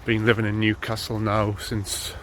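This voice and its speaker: A fairly low-pitched man in his thirties from North East England talks at a moderate pace as he runs on a snowy morning. The running vlogger rambles casually, um-ing often, while filming on a handheld camera that carries a slight hiss or hum.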